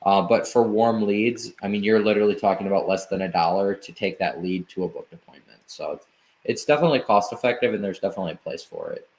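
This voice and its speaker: A man who founded an agency, a podcast guest explaining his work in relaxed casual chat, with many fillers. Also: lowish voice, quick pace.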